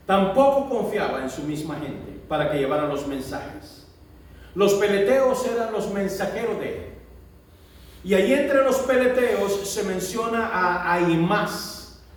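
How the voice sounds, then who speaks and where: A man preaching a sermon in a high-pitched voice, heard from some distance off the microphone. His delivery swings between loud, drawn-out proclamation and low, quick asides. The church hall around him echoes heavily. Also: a little hiss or hum. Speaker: pastor.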